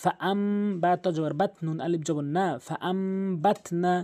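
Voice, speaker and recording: A man teaching Quran recitation in a slightly high, mellow, dark voice. He goes over each rule again and again and spells the letters out one by one. Now and then he stretches a recited word out long. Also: steady tone, normal speed. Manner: drawls the recited Arabic words. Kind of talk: tajweed lesson over a screen drawing.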